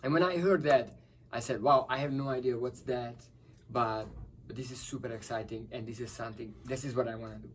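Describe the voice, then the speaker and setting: A man's voice: mid-range voice, fairly even intonation, fairly quick, a little hiss or hum. A middle-aged man from Hungary, a guest musician telling stories cheerfully and laughing often. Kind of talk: conversational interview. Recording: distant from the mic.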